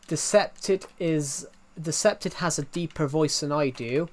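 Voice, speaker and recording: A young British man with a thick regional accent chats casually on a game stream, his voice on the high side and his pace slow. He rambles, keeps restarting his sentences, and reads chat messages aloud.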